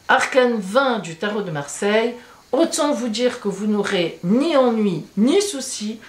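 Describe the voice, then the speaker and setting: Female tarot reader, casual and insistent, medium pitch, recorded in a roomy space. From France. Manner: chatty, emphatic, with many fillers and repetitions. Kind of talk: casual tarot horoscope reading.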